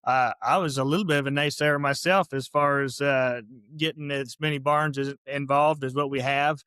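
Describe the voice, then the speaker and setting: A man's voice: medium pitch, fairly even intonation, moderate pace, bright, forceful tone, smooth, no room sound, studio quality. A man, speaking as a guest organizer in a casual, folksy, plainspoken way. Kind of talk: casual interview talk.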